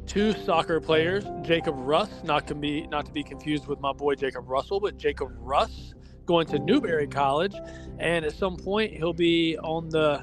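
A man with a fairly high voice hosts a casual sports podcast. He chats upbeat and reads out lists of names. Music plays clearly beneath him. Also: normal speed. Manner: upbeat, announcing names in a list. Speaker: podcast host. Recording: music bed under the talk.

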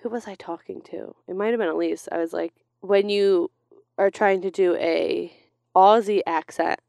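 A woman's voice: medium pitch, steady tone, moderate pace, creaky, warm tone, dry recording. A young woman co-hosting a podcast in casual chat, teasing her partner with wry jokes. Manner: wry, joking, teasing interjections. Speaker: podcast co-host.

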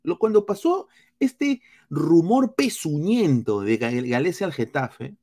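A man's voice: mid-range voice, darkish tone. A man with a Peruvian Spanish accent hosting casual football talk, blunt and heated, full of crude slang.

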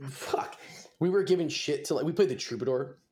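A touring musician in his twenties rambles through stories on a casual podcast, swearing freely and stuffing his talk with fillers. His voice is on the high side and darkish, and he speaks briskly.

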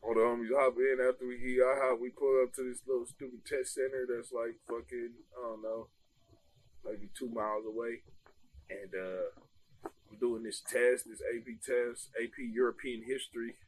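A young man telling a casual story among friends, animated and laughing, full of slang and swearing. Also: medium pitch, moderate pace, breathy edge.

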